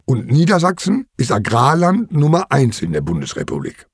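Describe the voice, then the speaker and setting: A middle-aged man narrating a children's farm story in an expressive storytelling manner. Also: moderate pace, husky, no echo, studio quality. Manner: expressive, sweeping pitch.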